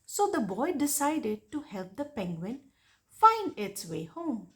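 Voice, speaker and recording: Slow, expressive young girl reading a storybook. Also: fairly high pitch. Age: child, about 10. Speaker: young booktuber reading a picture book aloud. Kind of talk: storybook read-aloud.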